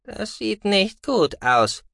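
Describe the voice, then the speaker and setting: Guy doing a cheeky little furry alien, high excitable voice, lively. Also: takes it slowly, gravelly, no room sound, clean studio sound, full character voice. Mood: worried. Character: furry small male alien, cheeky, telepathic. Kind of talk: audiobook reading.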